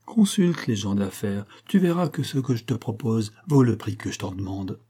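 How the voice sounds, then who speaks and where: Persuasive businessman, read by a man, slow, insistent, dark husky tone. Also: lowish voice, expressive.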